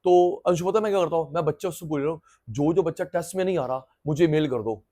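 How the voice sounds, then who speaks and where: A middle-aged man giving a lively, chatty classroom economics lecture, acting out students through everyday examples. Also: fairly high pitch, fast talker. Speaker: economics teacher.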